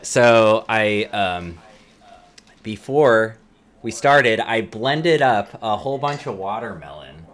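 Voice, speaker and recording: A man's voice: on the low side, lively intonation, slow pace, a bit bright. A man co-hosting a casual podcast, talking in a playful, joking way. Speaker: podcast co-host.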